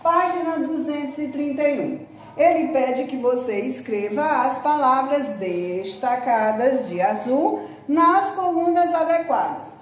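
Brazilian lady teacher going slow over a kids grammar lesson, high voice, lots of echo. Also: animated. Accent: Brazilian Portuguese. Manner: patient, repeats words slowly and calls to pupils. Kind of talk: recorded grammar lesson for children. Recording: very echoey room, faint background noise.

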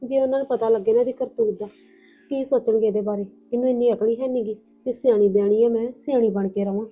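A woman's voice: fairly high pitch, fairly even intonation, fast, close to an everyday voice. A woman playing a blunt, motherly elderly aunt in a Punjabi village family drama, speaking with a Punjabi accent. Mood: scolding. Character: elderly paternal aunt, scolding and protective. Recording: tinny phone-like lo-fi with music.

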